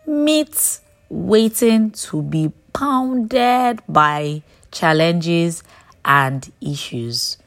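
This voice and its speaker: A woman hosting a short devotional message, speaking in a deliberate, emphatic preaching manner. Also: deep voice. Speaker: devotional host.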